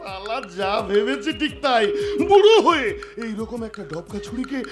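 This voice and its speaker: An actor playing a brutal, crude thug in a folk stage play, shouting and hurling abuse. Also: male voice, very high voice, very animated, normal speed. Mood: sneering. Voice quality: shouting, coarse and abusive. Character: brutal, crude male thug chasing a woman. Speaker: villain. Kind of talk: jatra stage acting. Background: stage music.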